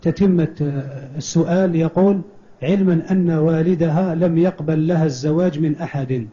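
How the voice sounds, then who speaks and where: A man reads out listeners' questions in a large mosque, plain and formulaic. His voice is very dark and mellow, and it sits slightly high. The recording is dull and lo-fi. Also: steady tone, moderate pace. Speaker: reader of submitted questions. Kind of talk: reading questions aloud.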